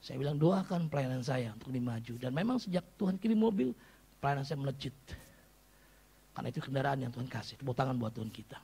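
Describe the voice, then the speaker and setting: A pastor in his fifties preaching a sermon, telling stories with big swings between loud exhortation and low asides. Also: expressive, fast, creaky, husky.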